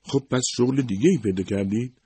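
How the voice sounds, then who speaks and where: A man's voice: mid-range voice, warm tone, slightly rough, pitched above the performer's own voice, natural voice. A man voicing a curious, earnest young woman who asks polite, probing questions.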